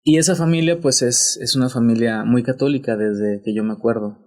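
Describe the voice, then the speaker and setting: A Mexican man, a priest, talking about his life in a podcast interview in a reflective, unhurried way, often restarting his sentences. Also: mid-range voice, darkish tone.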